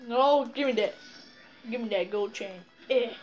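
A woman's voice: a little high, a little slow, darkish tone, muffled recording, faint music behind. A woman chatting casually while playing a video game with a child, playful and teasing, often breaking into shrieks and laughter. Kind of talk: casual gameplay chat.

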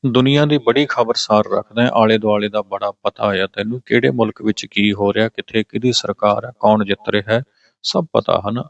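A man with a Punjabi accent teaching a scripture passage. He chants the verses slowly, then patiently explains pronunciation and meaning. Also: fairly low pitch, fairly even intonation, creaky, no room sound, lo-fi sound. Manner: patient, corrects pronunciation step by step. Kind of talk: religious scripture exposition.

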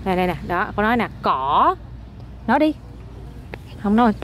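An animated mother with a mid-range voice talks fast while filming her toddler outdoors. In this casual chat she coaxes the child in a playful, repetitive manner, with faint outdoor sounds behind her.

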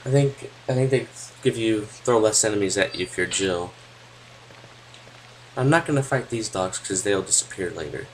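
A man's voice: lowish voice, expressive, moderate pace, slight background noise, poor audio. A young man giving casual gameplay commentary, sarcastic and joking, with the odd swear word. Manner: sarcastic, swearing, jokey asides. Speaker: let's play gamer.

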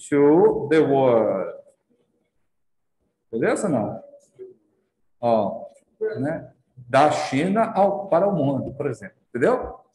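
Lively Brazilian man teaching in an echoey room. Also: fairly high pitch. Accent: Brazilian Portuguese. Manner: constantly checks in with students after each point; slows down to sound out English words. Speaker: English teacher. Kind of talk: classroom lesson.

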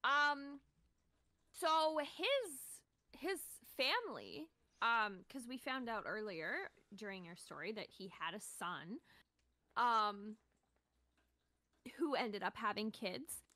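A woman's voice: on the high side, expressive, slow, pushed and bright, no room sound. A woman co-hosting a podcast in casual chat, giggly and filled with "like"s. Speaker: podcast co-host.

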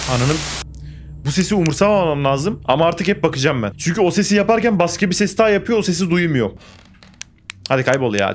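A man's voice: on the high side, slight background noise. A young man playing a horror game, commenting on the action, getting jumpy and swearing back at the game. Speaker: gaming YouTuber.

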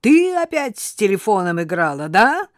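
A woman voicing a panicked young husband who barks loud, urgent questions and orders. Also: fairly high pitch, animated, slow pace, no echo, studio quality, voice pushed up, full character voice.

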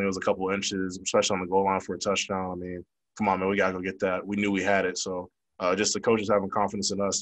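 A man's voice: deep voice, poor audio. A young man, a college football player, answering reporters at a post-game press conference in a frank, conversational way, speaking into a desk microphone. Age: young adult. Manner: frank, fast, conversational with many fillers. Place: press room with logo backdrop. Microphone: desk microphone on stand.

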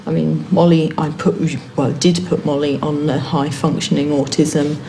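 A woman's voice: low-pitched, flat delivery, moderate pace, warm tone, a little hiss or hum, poor audio. A woman in her thirties speaking candidly and reflectively in a small room, feeling her way through her thoughts. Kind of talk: candid documentary interview. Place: small indoor room with plain walls.

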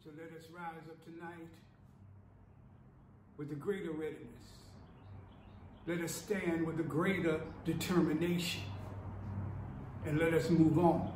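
Older male actor, playing an oratorical preacher, deliberate pace, echoey small room with faint hiss. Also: fairly high pitch, fairly even intonation, darkish tone, natural voice. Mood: impassioned. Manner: slow, oratorical, rising and falling delivery. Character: impassioned male civil rights preacher. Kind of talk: dramatic speech performance. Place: small indoor room, tiled wall.

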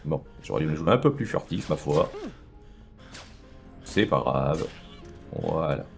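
A man's voice: a bass voice, very animated, a little slow, creaky, music in the background. A man hosting a let's play, chatting casually and thinking aloud with lots of fillers as he plays. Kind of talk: casual gameplay commentary.

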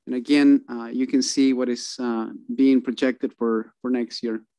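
A man presenting a city budget at a council meeting over a video call, halting with many fillers and restarts. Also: mid-range voice, flat delivery, mellow, no echo.

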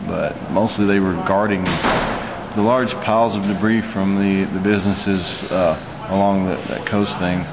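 A man in his forties talks in a low, flat voice, recounting what he saw as a storm chaser. His delivery is halting and matter-of-fact, like an off-the-cuff vlog. It is recorded indoors with clear background noise. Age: 40s. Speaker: storm chaser giving an eyewitness report. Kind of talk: unscripted vlog account. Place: hotel lobby, indoors.

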